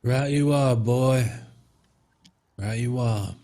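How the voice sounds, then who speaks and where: A man's voice: mid-range voice, slow, dark tone. A man playing a cocky gunslinging stranger in a tabletop game, folksy and mockingly polite. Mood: folksy, approving. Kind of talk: tabletop role-play in character.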